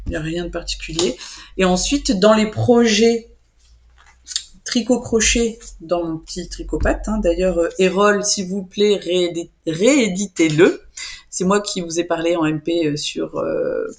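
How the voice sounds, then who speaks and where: A woman's voice: lowish voice, darkish tone. A young woman chatting casually to her viewers about her knitting and crochet projects, rambling with frequent hesitations and self-corrections. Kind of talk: casual chat to camera.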